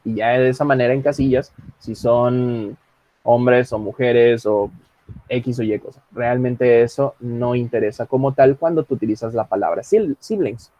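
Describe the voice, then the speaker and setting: A man teaching English in an online class, explaining calmly and reading English example lines slowly. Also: mid-range voice, no room sound.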